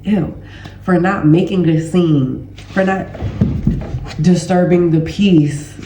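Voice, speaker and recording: This is a woman's lowish voice, steady in tone and slow, coming from a healing educator and host who has a stuffy nose and a sore throat. She keeps things loose and conversational with viewers, calling them "y'all," over background noise and a roomy echo.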